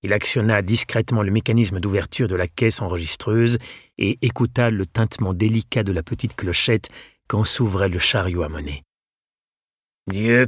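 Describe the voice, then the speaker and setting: A man narrating an audiobook in a calm, even storytelling manner. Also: fairly low pitch, husky, no echo, studio quality.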